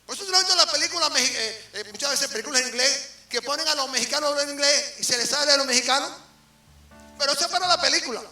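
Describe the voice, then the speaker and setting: High, bright-voiced Venezuelan preacher man. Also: rapid-fire, distant mic. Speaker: apostle preaching. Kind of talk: sermon. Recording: roomy hall from off the mic, faint music.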